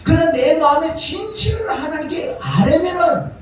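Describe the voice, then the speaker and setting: A man preaches in a high, lively voice that leaps up and down as he calls out for amens. He is heard from a distance in a very echoey church hall, with soft music playing under his sermon. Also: moderate pace. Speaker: pastor. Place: church sanctuary.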